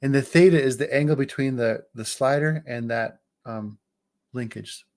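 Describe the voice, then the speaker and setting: On a livestream, a man in his forties casually walks viewers through his engineering software, cracking jokes and restarting sentences. His voice is mid-range and his speed normal.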